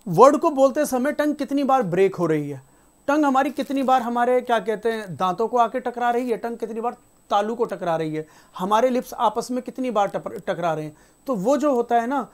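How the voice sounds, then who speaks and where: A woman teaching spelling rules in a casual classroom style. She reads each rule out slowly and repeats the example words. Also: a little high, darkish tone. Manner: casual, conversational teaching with frequent checks like "theek hai". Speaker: English teacher.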